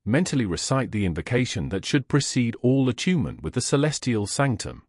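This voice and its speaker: A man reading esoteric lessons aloud in a measured, solemn way. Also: medium pitch, big pitch swings, darkish tone, dry recording, studio quality. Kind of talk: scripted narration.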